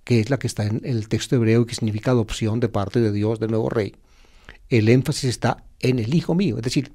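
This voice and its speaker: A priest delivers a reflective sermon on the gospel in a mellow, warm male voice of middle pitch. He explains patiently like a teacher, stopping on fillers and restarting phrases. He leans on repetition to press his points home. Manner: repeats key phrases for emphasis.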